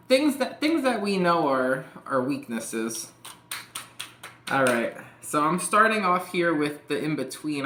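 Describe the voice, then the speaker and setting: A man's voice: fairly high pitch, sharp tone. A man giving a casual tarot reading, rambling and peppering his talk with "like" and "you know". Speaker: tarot reader. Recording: echoey room.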